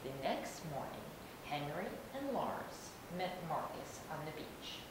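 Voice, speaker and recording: A middle-aged woman reading a picture book aloud to young children in an expressive, deliberate storytelling manner. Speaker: storybook reader. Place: indoor room, seated. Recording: roomy, distant microphone, rumbling background noise.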